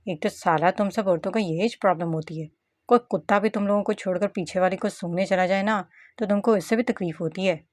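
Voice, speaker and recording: A woman's voice: medium pitch, a little fast, a little mellow, no echo, clean studio sound, close to an everyday voice. A woman voicing a brash young gangster husband who talks in mocking street slang. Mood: probing.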